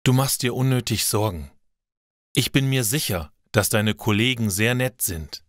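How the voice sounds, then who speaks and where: A man voicing a supportive young woman who calms her nervous friend. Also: mid-range voice, moderate pace, no room sound, clean studio sound, natural voice. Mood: reassuring. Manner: reassuring.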